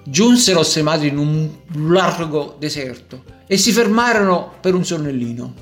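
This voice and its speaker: A man narrating a children's storybook in a gentle, measured way. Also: a little high, expressive, faint music behind.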